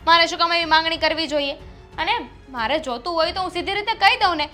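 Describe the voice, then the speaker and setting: An actress playing a young wife who defends herself to her mother-in-law and grows anxious, with soft music behind. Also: high voice, brisk. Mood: defensive. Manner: defensive, protests then worries aloud. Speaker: actor in a family drama. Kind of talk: short-film drama acting. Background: soft background music.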